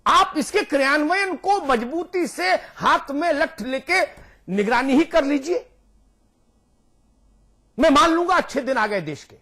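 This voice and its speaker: A man's voice: extremely high pitch, animated, measured pace, long pauses, bright, forceful tone. A man speaking as a guest on a TV news debate, emphatic and rhetorical, repeating his points for force. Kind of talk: heated TV debate argument.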